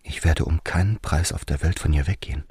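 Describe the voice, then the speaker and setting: Desperate stubborn mother, read by a man, pleading, a little raised, husky, dry. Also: very deep voice, brisk, a little mellow, no room sound, heavily acted.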